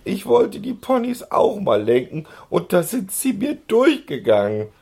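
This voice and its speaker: A man's voice: high voice, wildly swooping pitch, unhurried, gravelly, a little mellow, slightly rough, pitched above the performer's own voice, full character voice. A man voicing a tearful young woman who wails and pleads. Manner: tearful, whiny.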